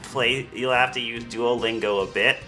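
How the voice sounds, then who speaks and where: A man's voice: medium pitch, steady tone, moderate pace, pushed and bright, faint music behind. A man chatting casually as a player in an improvised tabletop roleplay.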